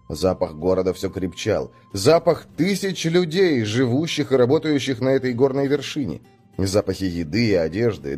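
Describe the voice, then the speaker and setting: A male narrator reads a fantasy story aloud in a scripted, expressive way. His intonation rises and falls widely. Soft music plays faintly underneath. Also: medium pitch. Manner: expressive, voices the characters. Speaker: audiobook narrator.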